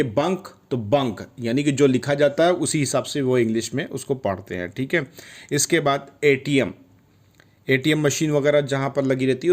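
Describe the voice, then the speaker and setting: A man's voice: mid-range voice, a little mellow. Hindi-speaking man teaching Arabic words. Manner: repeats each word, checks in with "theek hai"; patient, explanatory. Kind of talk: vocabulary lesson.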